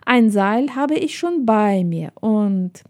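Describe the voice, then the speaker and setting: A woman voicing a menacing middle-aged male escaped convict who talks slowly with a hissing, sneering manner. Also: mid-range voice, expressive, warm tone.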